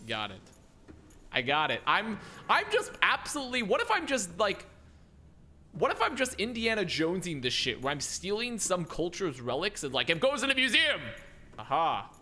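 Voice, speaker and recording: A young man commentating his gameplay in a high, bright voice that jumps all over the place. He is excitable and foul-mouthed, constantly exclaiming at whatever shows up on screen. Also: moderate pace, faint music behind. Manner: excitable, swears a lot, exclaims. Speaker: gaming streamer. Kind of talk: casual game commentary.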